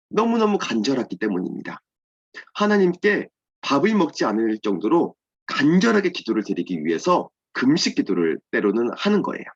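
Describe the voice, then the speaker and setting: Lively-voiced man preaching to children. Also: medium pitch, breathy edge. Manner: simple, explanatory, asks and answers own questions. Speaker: children's ministry pastor. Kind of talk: children's sermon. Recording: dull lo-fi sound.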